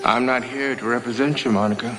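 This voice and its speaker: A man playing a calm, grave angel mentor in a TV drama, measured and gently firm. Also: mid-range voice, over music, lightly acted, low-quality recording. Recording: faint background noise.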